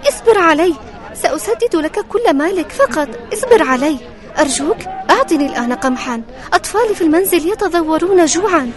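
A woman's voice: very high voice, animated, a little fast, crowd noise. A woman acting a poor, desperate widowed mother in a radio drama, pleading and plaintive.

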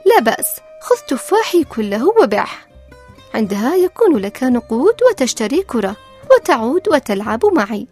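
A kind old apple tree speaks softly to the boy she loves, as a woman puts her on, her husky voice rising and falling in storybook style, with faint music underneath. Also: fairly high pitch, sing-song, moderate pace. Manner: kind and tender. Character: gentle, generous old female apple tree. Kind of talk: storybook narration.

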